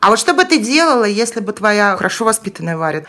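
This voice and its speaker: A woman's voice: medium pitch, sing-song, fast, a bit bright. A woman in her forties, a podcast co-host speaking frankly in casual chat. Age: 40s. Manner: frank, blunt.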